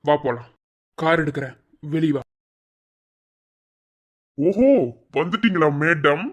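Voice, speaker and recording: A man's voice: on the high side, expressive, takes it slowly. A man voicing an angry young village husband with a Madurai Tamil accent in a cartoon, curt and snapping orders. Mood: determined. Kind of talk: cartoon voice acting.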